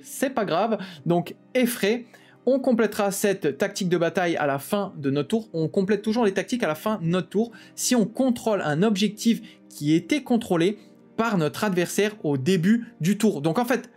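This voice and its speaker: A man hosting a tabletop game channel, explaining rules in a quick, casual way with lots of fillers and restarts. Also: high-pitched, darkish tone. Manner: talks fast, with many "euh" fillers and restarts.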